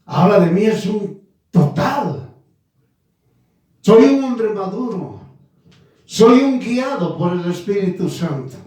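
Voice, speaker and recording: A man in his nineties preaching a sermon, slow and emphatic, repeating his phrases. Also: sits high, big pitch swings, a little mellow. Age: 90s. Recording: echoey room from far off.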